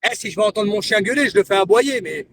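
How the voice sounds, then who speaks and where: A man with a very high speaking voice delivers a confrontational live-stream rant, taunting and hammering the same lines over and over. He sits some way back from the mic, and a faint hiss of noise runs under his voice. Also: expressive, fast, creaky, far from the mic. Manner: confrontational, repeats himself, taunting. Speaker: livestreamer.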